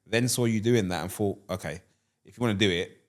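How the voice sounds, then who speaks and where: Animated man hosting a podcast. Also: fairly low pitch, fairly quick. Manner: animated, laughs, sometimes shouts in excitement. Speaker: podcast host. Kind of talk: casual interview chat.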